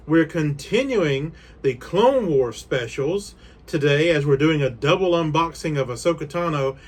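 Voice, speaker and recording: Rambly guy unboxing toys on camera, kinda high voice, lots of ums. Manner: chatty and rambling, with frequent fillers and yawns. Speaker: toy collector host. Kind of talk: casual unboxing video.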